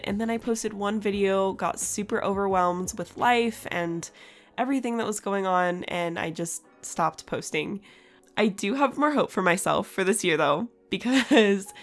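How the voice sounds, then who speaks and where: A woman in her twenties narrates a voice-over for her art channel in a casual, chatty way, laughing often. Her medium-pitched voice is raspy and scratchy, like she just woke up.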